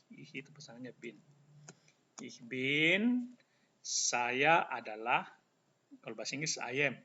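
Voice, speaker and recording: A man teaching a language lesson, pausing and drawing out example phrases so learners can follow along. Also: mid-range voice, vocal fry, bright, forceful tone, muffled recording. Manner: slow, drawn-out example phrases, repeated for learners.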